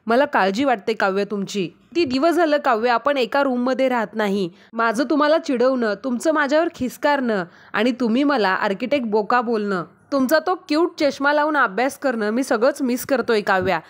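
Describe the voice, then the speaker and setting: A woman's voice: fairly high pitch, normal speed, hardly any pauses, lightly acted. A woman reading the lines of an anxious young husband who scolds his wife out of worry. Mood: pleading. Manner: urgent, worried scolding.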